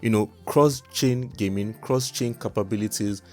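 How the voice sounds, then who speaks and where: A man's voice: lowish voice, moderate pace, a little mellow, soft background music. A man presenting a promotional crypto review vlog in the manner of a crypto bro, making repeated, emphatic selling points. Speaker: crypto YouTube host. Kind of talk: scripted-style vlog narration, promotional review.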